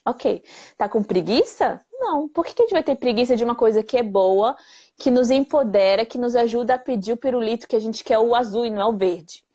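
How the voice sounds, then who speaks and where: A woman, a speech therapist answering viewer questions in a lively, plain-spoken way full of rhetorical questions. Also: a little high, a little fast. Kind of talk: live Q&A explainer. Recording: dull lo-fi livestream audio.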